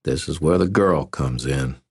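A man's voice: rumbling low, unhurried, vocal fry, a little mellow, husky, no echo, clean studio sound, full character voice. A man voicing a knowing male police officer in an audiobook.

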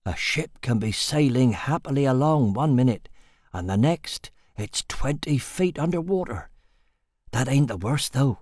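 A man voicing a superstitious old male sailor who tells dark tales in a hushed, foreboding way. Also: mid-range voice, animated, a little slow, no room sound, clean studio sound. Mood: ominous. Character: old male sea dog, superstitious and ominous.

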